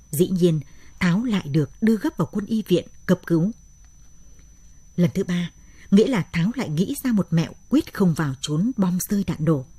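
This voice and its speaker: A woman narrating a late-night radio story in a measured, steady way. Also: lowish voice, slightly rough, no room sound.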